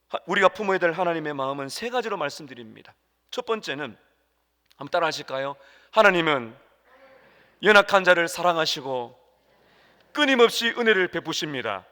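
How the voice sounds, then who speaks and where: A man preaching a sermon as pastor, emphatic, jumping between loud exclamations and quiet asides and acting out quoted prayers. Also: on the high side. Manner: acts out quoted prayers and dialogue. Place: church sanctuary. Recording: long hall reverb.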